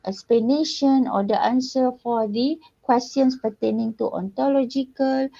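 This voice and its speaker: A woman giving a lecture to her students, pausing often with fillers and checking in with "yeah" and "eh". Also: sits high, steady tone, vocal fry, dark tone, dull audio. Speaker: university lecturer. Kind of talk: recorded online lecture.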